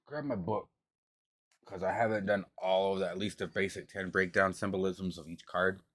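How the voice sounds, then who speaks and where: Low-voiced man rambling on a home stream. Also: steady tone, normal speed, a bit bright. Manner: rambling, loose and profane, talks with mouth full at times. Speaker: streamer doing tarot readings. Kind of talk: casual livestream chat. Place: home room at a table. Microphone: camera on a table.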